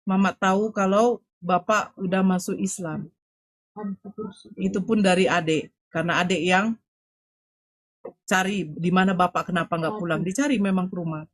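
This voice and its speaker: A woman's voice: steady tone, normal speed, long pauses. Woman from indonesia telling her family story, voices the other people's lines. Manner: acts out quoted voices, jumping higher for others' lines. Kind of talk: personal storytelling.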